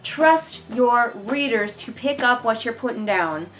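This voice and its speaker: Soft music plays behind a young woman vlogger giving sarcastic, exasperated read-along commentary on a book, with some mild swearing. Her voice is fairly high, animated and a bit bright, delivered at a measured pace. She's indoors on a living room couch, a little way back from the camera.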